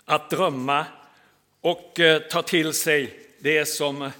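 A middle-aged man, a pastor, preaching a sermon and telling a story with dramatic rises and soft drops. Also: a little high, steady tone.

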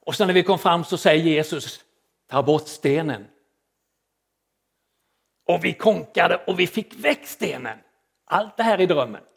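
A middle-aged man, a pastor, preaching a sermon and telling a story with dramatic rises and soft drops. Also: high-pitched, vocal fry, husky.

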